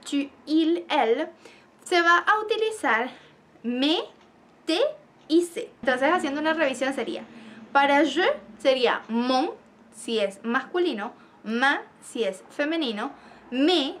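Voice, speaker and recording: A woman teaching a French grammar lesson on video, who slows down to spell out and repeat each example. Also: sits high, a bit bright.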